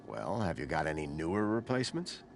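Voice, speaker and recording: A man's voice: extremely low pitch, sing-song, brisk, vocal fry, a little hiss or hum, full character voice. A man playing a wry, persistent adventure game hero, no longer young, with a dry conversational delivery. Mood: frustrated. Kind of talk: video game voice acting and first-person narration.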